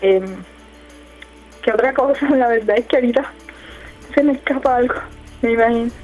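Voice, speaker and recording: A woman's voice: on the high side, normal speed, darkish tone. A woman, a radio guest answering in a casual, hesitant way with many fillers and restarts. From Colombia, Córdoba department. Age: 20s. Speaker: youth council leader, radio guest. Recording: muffled radio audio, faint music behind.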